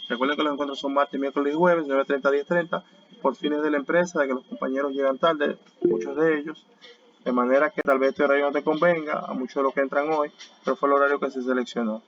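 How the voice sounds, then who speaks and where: A man teaching a basic English class, explaining step by step and repeating words slowly for his students. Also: mid-range voice, fairly even intonation, muffled recording. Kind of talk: online class lecture.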